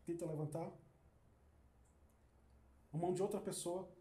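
Man, Brazilian accent, hypnotist, soft dark timbre, soothing repetitive phrasing, roomy sound. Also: high voice, fairly even intonation. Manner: slow, soothing, repetitive, trailing off softly. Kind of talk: guided hypnosis induction. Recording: echoey room with faint background noise.

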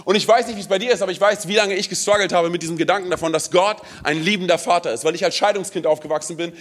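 A high-pitched male preacher from Romania delivers a sermon with emphatic fervour. He keeps asking the congregation questions and punctuates his points with quick interjections. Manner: emphatic, fills with "hey" and "ey"; speaks straight to the congregation with questions. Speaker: pastor.

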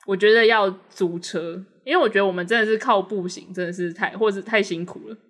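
A woman, co-hosting a casual podcast chat, eager and quick, repeating words when excited. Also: medium pitch. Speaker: podcast co-host.

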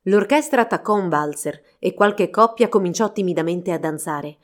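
A woman narrating a fairy tale storybook in a steady, expressive reading. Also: fairly low pitch, normal speed.

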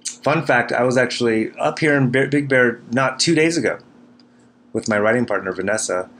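A man's voice: mid-range voice, normal speed, fairly bright tone. A man hosting a solo podcast from a cabin, rambling casually in a dry, self-deprecating way. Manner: self-deprecating, dryly wry. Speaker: podcast host. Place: small cabin kitchen in the mountains. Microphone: recording into a computer. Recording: noisy cabin room recording.

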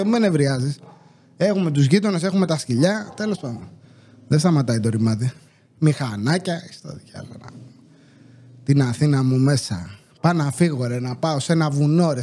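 Young guy podcasting from home, pretty high voice, chatty and animated, acts out the back-and-forth. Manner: animated storytelling, acting out dialogue with shifting pitch. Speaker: podcast host. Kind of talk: casual podcast chat.

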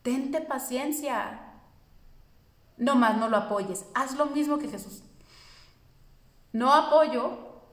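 A woman's voice: high-pitched, takes it slowly, long pauses, echoey room. A woman, teaching a spiritual course in an earnest, reassuring way, speaking directly to her listeners.

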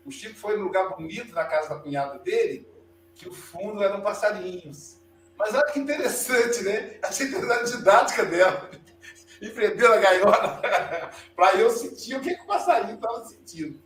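A high-voiced Brazilian man in his fifties tells a story in a reflective storyteller's way. He sounds set back from the mic in a roomy space, with a faint hum behind him. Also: lively intonation, normal speed, a bit bright, distant mic. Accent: Brazilian Portuguese. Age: 50s. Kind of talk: storytelling a childhood memory.

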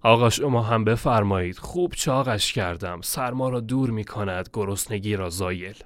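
A man's voice: lowish voice, no room sound, natural voice. A male storyteller voicing a carefree grown man who guides a desert caravan and respectfully calls the narrator sir. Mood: offering.

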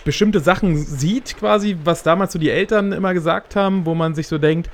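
A man's voice: high voice, fairly quick. A man in his thirties co-hosting a podcast, talking casually and rambling with many fillers. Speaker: podcast co-host. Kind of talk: casual chat.

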